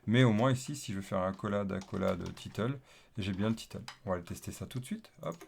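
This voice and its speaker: A man's voice: lowish voice, fairly quick, creaky, a little mellow, slight background noise. A man talking through a casual coding screencast, thinking aloud as he types, with lots of fillers and repeated okays. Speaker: developer teaching coding. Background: keyboard typing and clicks.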